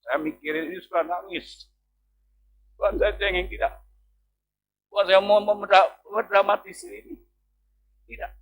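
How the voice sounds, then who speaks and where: A middle-aged man, a pastor, preaching a sermon in a church with sudden loud and soft swings and questions for the congregation. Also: high voice, steady tone, a little slow, pauses often, rough recording.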